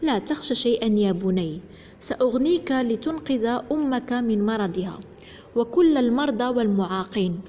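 Woman reading a soft-spoken mystery stranger dude, gentle and reassuring, echoey dull recording. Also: a little high, lively intonation, normal speed, a little hiss or hum, close to an everyday voice. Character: mysterious kindly stranger man.

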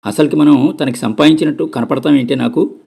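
A man's voice: a little high, a little fast, gravelly, mellow, slightly rough, exaggerated voice. A man voicing a fed-up young woman caretaker in a read-aloud story, grumbling and complaining.

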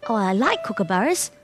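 An Australian woman presenting a children's TV show, talking in a playful, wondering way as she searches for a bird. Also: on the high side. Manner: animated and wondering, talks to an unseen bird.

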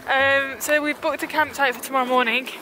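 A woman's voice: high-pitched, steady tone, fairly quick, background noise. Chatty woman vlogging in the cold. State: cold, freezing. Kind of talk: casual travel vlog chat.

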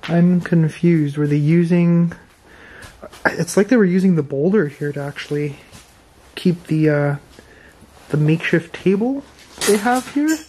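A man hosting an exploring vlog, walking through an abandoned farmhouse and reacting with excited, wondering remarks into his camera mic. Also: on the high side, a little slow, long pauses, slight background noise. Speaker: urban explorer host. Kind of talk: walkthrough vlog narration. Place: abandoned stone farmhouse, indoors.

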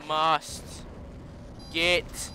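A young man commenting on his own racing game play, swearing and shouting at his opponents, his voice worn from yelling. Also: fairly high pitch, monotone, extremely slow, slight background noise. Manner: frustrated, swears and yells at opponents. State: voice strained. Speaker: let's play gamer. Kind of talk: gameplay commentary.

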